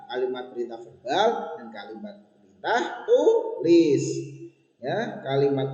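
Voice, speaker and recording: A man's voice: fairly high pitch, darkish tone. A young man teaching a recorded school lesson to his pupils, patient and instructive, repeating points and checking that they follow. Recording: echoey, reverberant room, dull lo-fi sound.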